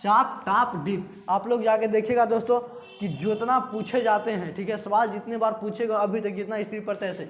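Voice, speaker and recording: Guy teacher with a high voice going over grammar, keeps repeating, echoey room w/ light hiss. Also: fairly even intonation, a little fast, fairly bright tone. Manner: repetitive drilling, asks and answers own questions. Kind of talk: classroom lecture.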